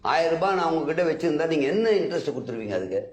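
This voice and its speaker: His voice on the high side and sing-song, a man argues as an indignant bank customer in a comedy sketch, peppering the other side with rapid-fire questions. An echoey room holds faint music.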